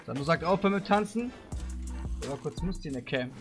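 A man live-streaming a game, chatting with viewers in street slang and giving them playful orders, breaking into loud shouts. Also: fairly high pitch, animated, quick pace, faint music behind. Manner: bossy playful commands to viewers; street slang, calls people bro. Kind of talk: live-stream gameplay chat.

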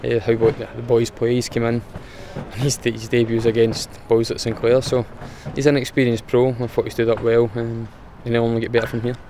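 A young Scottish footballer answers post-match questions outdoors in a matter-of-fact way, his pitch staying flat and even. Faint traffic and outdoor noise sit behind his voice. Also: a little fast, few pauses. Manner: plain, matter-of-fact, restarts with fillers. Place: outdoors in front of a sponsor board.

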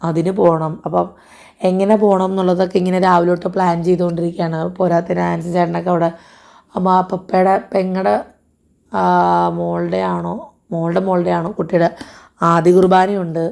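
A young woman with a hoarse voice and a blocked nose, narrating her day in a casual family vlog. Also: fairly low pitch, a little mellow. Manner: chatty, rambling daily-life narration. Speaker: family vlogger.

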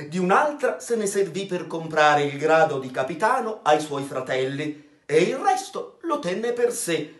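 A man narrating a fairy tale in an expressive, theatrical storybook reading. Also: on the high side. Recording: roomy recording with background music.

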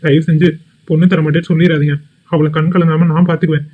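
A woman's voice: low-pitched, little pitch movement, quick pace, voice pushed down. A woman voicing an earnest young man who pleads politely with his bride's father. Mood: pleading. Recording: phone-like lo-fi band.

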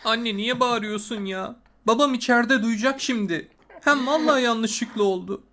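A man's voice: very high-pitched, moderate pace, pushed and bright, full character voice. A man voicing a whiny, put-upon son in a Turkish comedy cartoon, complaining as he talks. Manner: whining, complaining. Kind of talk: comedy animation sketch.

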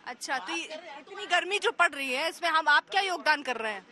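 A woman's voice: high-pitched, lively intonation, fairly quick, pushed and bright. A woman field reporter interviewing people on a city street for TV news, asking playful, teasing questions. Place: outdoors on a busy city street. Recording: noisy street crowd behind. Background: street crowd.

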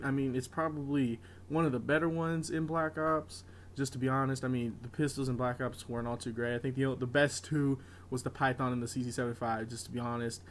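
A man's voice: medium pitch, slight background noise. A man who is sick, chatting casually and apologetically to viewers of his gaming videos, with lots of fillers.

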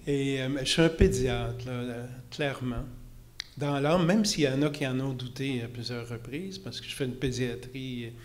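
A man's voice: mid-range voice, normal speed. Hesitant grandfatherly man with a handheld mic. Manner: rambling, self-deprecating, many hesitations. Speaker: pediatrician and panel speaker. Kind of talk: panel conversation. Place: conference stage.

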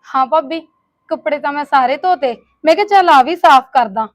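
A woman's voice: sits high, normal speed, lightly acted. A woman playing a tearful, meek visiting sister. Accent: Punjabi. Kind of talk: comic family drama acting.

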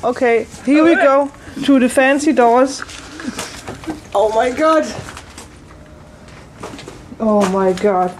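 A woman's voice: high voice, slow pace, long pauses, a little mellow, a little hiss or hum, low-quality recording. A young woman whose first language is Danish, vlogging while she explores an abandoned factory, giggling, exclaiming and breaking into song. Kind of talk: casual vlog chat.

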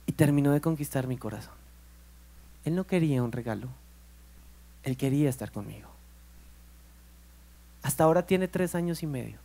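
A man, preaching a sermon as pastor and telling stories with acted-out dialogue. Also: on the high side. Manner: animated storytelling, acts out dialogue.

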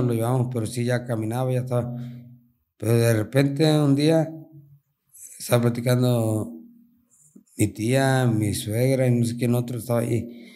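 A man with a Mexican accent, a bull rider talking casually in an interview, telling stories in animated, slang-filled speech. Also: medium pitch. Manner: colloquial, animated storytelling with slang.

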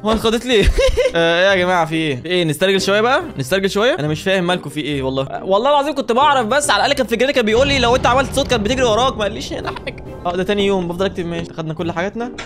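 A young man with an Egyptian accent talks through a horror game at breakneck speed, his voice sitting fairly high. He jokes, swears by God constantly and jumps at every scare. Faint game music plays behind him. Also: animated, racing, a bit bright. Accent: Egyptian Arabic. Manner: jumpy, joking, swears often and gets easily startled. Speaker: gaming YouTuber. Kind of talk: horror game let's-play commentary.

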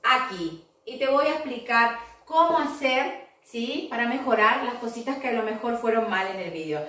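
Patient Argentine teacher in an echoey room. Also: female voice, a little high, lively intonation, fairly bright tone, recorded from a distance. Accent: Argentine Spanish. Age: 40s. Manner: slow, patient, checks in constantly with short questions. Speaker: English teacher. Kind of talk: recorded video class for children.

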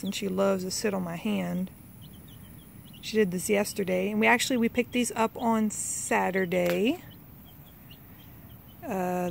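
This backyard vlogger has a medium-pitched voice with vocal fry, talking casually into her handheld phone camera while sweetly coaxing her pets in sing-song. There's slight background noise.

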